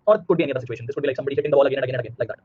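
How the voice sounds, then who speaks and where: A man's voice: medium pitch, very fast, a little mellow, breathy edge. A man in his thirties with an Indian accent teaching a live online physics class, repeating himself and checking understanding with questions, slightly muffled.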